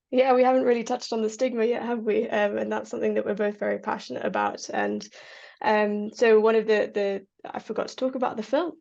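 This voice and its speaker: Earnest woman researcher, gravelly voice. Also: fairly high pitch, lively intonation, fairly quick, darkish tone. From Kenya. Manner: earnest, many fillers and restarts, laughs often. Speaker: Parkinson's researcher. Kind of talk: interview answers. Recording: lo-fi audio.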